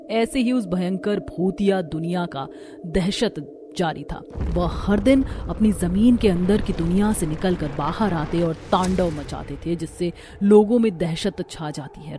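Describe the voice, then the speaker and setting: A woman's voice: fairly low pitch, unhurried, noisy background. Woman narrating a horror cartoon. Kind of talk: scripted storytelling narration.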